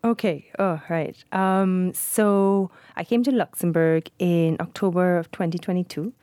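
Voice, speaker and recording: A woman, answering interview questions in a relaxed, chatty way with many fillers. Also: lowish voice, measured pace, smooth, no room sound. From Trinidad. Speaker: guest.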